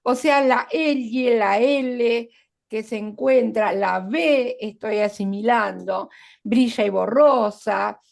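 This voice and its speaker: A woman's voice: mid-range voice, creaky, a little mellow. A woman teaching literature in an online class, explaining literary devices step by step with examples and checking in with her students.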